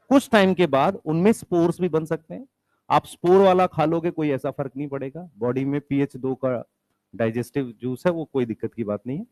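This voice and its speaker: A man's voice: on the high side, darkish tone, no room sound. A male biology teacher lecturing a class, mixing English science terms into Hindi, asking questions and answering them himself, and calling for the students' attention.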